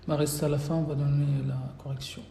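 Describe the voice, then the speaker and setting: Guy teaching a live stream lesson off his phone, takes it slow, calls out names n fixes mistakes, echoey room w faint hum behind. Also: a little high, warm tone. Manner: patient, corrects students one by one. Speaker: Arabic teacher.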